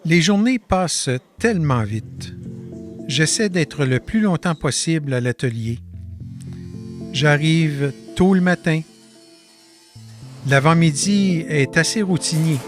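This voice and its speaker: This documentary narration comes from a man with a Quebec French accent recounting his artist residency, calm and measured over faint background music. His pitch leans high.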